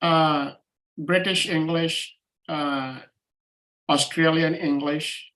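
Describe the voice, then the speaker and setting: A class participant from Nigeria giving brief, measured answers. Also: medium pitch, fairly even intonation, a bit bright, rough recording.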